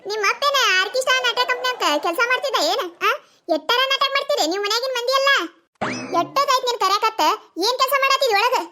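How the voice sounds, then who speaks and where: A woman's voice: very high voice, fast talker, music in the background. Woman voicing a nagging village mother-in-law. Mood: scolding. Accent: North Karnataka Kannada. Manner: nagging, sarcastic, scolding. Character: scolding sharp-tongued village mother-in-law. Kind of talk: cartoon comedy voice acting.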